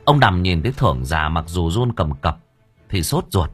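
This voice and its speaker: A man narrating an audio story in a vivid, expressive way. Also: deep voice, normal speed, breathy edge, soft background music.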